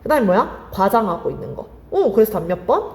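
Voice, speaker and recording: A woman's voice: mid-range voice, sing-song, creaky, darkish tone. Woman teacher going over exam questions, keeps asking and answering herself, voice jumps all over, echoey hall sound. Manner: quizzes students with rapid questions and answers them herself; calls herself "ssaem" to her students. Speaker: Korean literature teacher. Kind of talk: lively exam-prep lecture.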